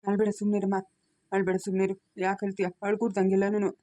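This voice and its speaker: Woman as an old rural grandfather: flat, quick delivery, rural Karnataka Kannada accent. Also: fairly high pitch, no echo, close to an everyday voice. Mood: soothing. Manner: gentle, soothing, repetitive pleading. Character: worried poor old village grandfather.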